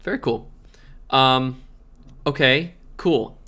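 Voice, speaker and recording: A man of middle pitch co-hosts a podcast in casual chat. He sounds relaxed as he asks short questions and fills pauses with soft "um"s, steering the conversation forward. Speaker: podcast co-host asking questions.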